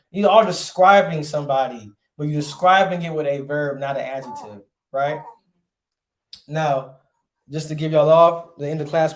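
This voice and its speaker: A man's voice: on the high side, a little hiss or hum. Man teaching a casual class. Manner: conversational, asks rhetorical questions often. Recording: roomy echo.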